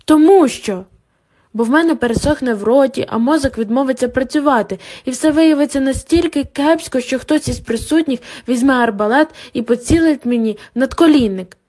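A woman's voice: sits high, brisk, few pauses, darkish tone. Olivia, a woman voicing a panicky young student. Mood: pleading. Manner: anxious, pleading.

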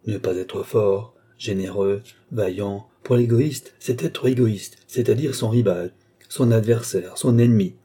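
A man reading a classic novel aloud with measured, expressive narration. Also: fairly low pitch, slightly rough. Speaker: audiobook reader.

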